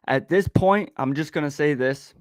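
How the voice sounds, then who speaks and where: A podcast host tells a personal story in casual chat, swearing constantly, rambling, and laughing between sentences. His voice is on the high side and smooth, recorded in studio quality with no echo.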